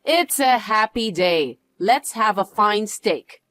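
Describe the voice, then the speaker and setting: A woman's voice: medium pitch, expressive, takes it slowly, fairly bright tone, no room sound, clean studio sound, faint music behind. A woman voicing a snobbish rich woman who mocks the poor in a condescending tone. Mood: mocking. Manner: condescending, mocking. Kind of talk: voiced story drama.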